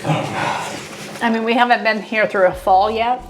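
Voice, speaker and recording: A woman's voice: a little high, steady tone, a little slow, soft background music. A woman co-hosting a food show, chatting casually while tasting hot sauces. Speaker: co-host of a local food and small business show.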